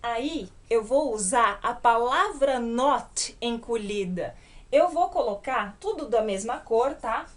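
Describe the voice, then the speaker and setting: A fairly high-voiced woman with a Brazilian Portuguese accent leads a whiteboard grammar lesson. She talks patiently, keeps checking in with short tag questions, and slows down to spell out each English example. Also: lively intonation. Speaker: English teacher.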